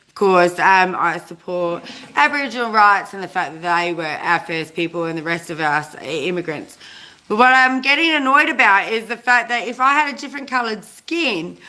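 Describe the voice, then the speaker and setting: Bright-voiced Australian woman ranting live. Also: medium pitch. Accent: South Australian. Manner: animated, rambling, self-correcting, greets viewers mid-sentence. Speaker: live-stream host. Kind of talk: chatty live-stream rant.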